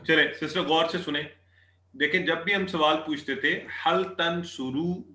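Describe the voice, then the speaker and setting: A man teaching an online Arabic class, repeating phrases slowly and checking often that the students follow. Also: a little high, fairly even intonation, pushed and bright. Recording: echoey room.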